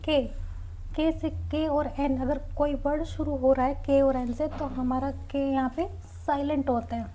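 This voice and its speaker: A woman's voice: high voice, fairly even intonation, measured pace, dark tone, rough recording. A woman teaching an English pronunciation lesson in Hindi, explaining each word simply and repeating the correct sounds.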